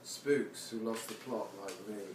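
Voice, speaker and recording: With a lowish voice and a measured pace, a man reads his own poetry to a seated crowd, introducing each piece casually and poking gentle fun at himself. The room is echoey and noisy, heard from a distance.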